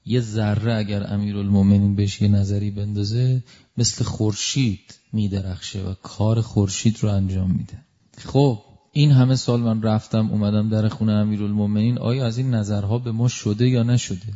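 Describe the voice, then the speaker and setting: A man preaching a devotional sermon through a story, emotive, swinging from loud exclamations to hushed asides. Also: fairly low pitch, flat delivery, lo-fi sound.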